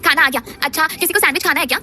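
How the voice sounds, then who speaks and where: A woman voicing a feisty, outspoken young college girl with quick, teasing comebacks. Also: sits high, sharp tone, voice pushed up. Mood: playful. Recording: background music under voice.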